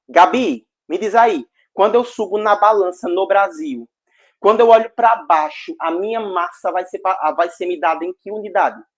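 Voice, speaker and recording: A man teaching a physics class online, energetic and jokey, full of slang and check-ins with the students. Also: high voice, moderate pace.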